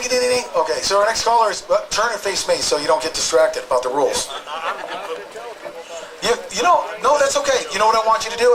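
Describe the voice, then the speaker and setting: A man with a high voice emcees an outdoor protest rally, cracking jokes and calling speakers up one by one. He's upbeat and talks fast, and the recording quality is low.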